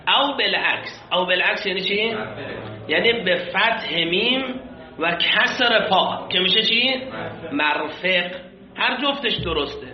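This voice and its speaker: A man's voice: high voice, echoey room, lo-fi sound. A man teaching a religious law lesson from an Arabic text, explaining patiently, repeating terms and asking and answering his own questions, with polite formal fillers. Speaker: seminary teacher.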